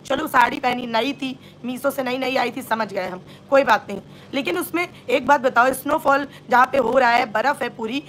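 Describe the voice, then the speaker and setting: Woman vlogger, high voice, sore throat, sarcastic scolding rant. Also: fairly bright tone, a little hiss or hum. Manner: scolding, sarcastic, rhetorical questions. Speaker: reaction vlogger. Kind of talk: live-stream reaction rant.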